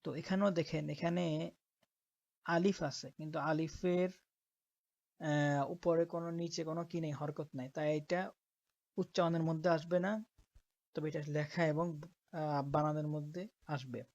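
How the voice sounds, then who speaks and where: A woman teaching Quran reading, who spells out letters slowly and often checks that her listeners are following. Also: low-pitched, fairly even intonation, a little mellow, dry recording, highs cut off. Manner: slow, patient, checks in with "ঠিক আছে?".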